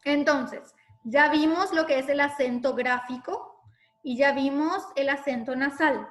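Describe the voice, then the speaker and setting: A woman's voice: high voice, measured pace, reverberant. A woman teacher patiently explaining a grammar rule step by step to her class.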